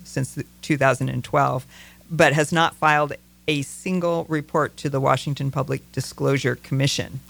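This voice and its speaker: A man's voice: fairly high pitch, creaky, fairly bright tone. A man co-hosting a casual political talk show, speaking thoughtfully with many fillers and restarts.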